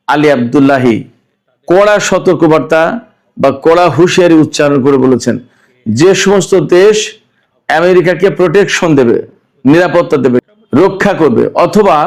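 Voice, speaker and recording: A man hosting a news commentary show, speaking in a measured, deliberate way and asking rhetorical questions. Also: fairly high pitch, darkish tone. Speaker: host.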